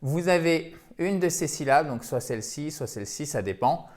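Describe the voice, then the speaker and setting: A man's voice: fairly high pitch, lively intonation, normal speed, darkish tone. A man teaching English pronunciation in French, explaining stress step by step and pointing to examples.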